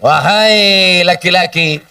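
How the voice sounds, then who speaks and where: High-voiced man preaching from off mic. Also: slow, creaky, pushed and bright, clean tone, far from the mic. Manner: humorous, acts out short dialogues. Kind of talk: sermon with question and answer.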